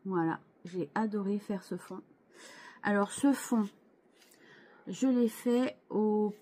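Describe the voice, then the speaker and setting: Woman, casual craft show-and-tell, slow pace, mellow voice, hesitant with restarts. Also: mid-range voice, slightly rough. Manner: hesitant, many fillers and restarts, chatty asides to viewers. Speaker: scrapbooking channel host.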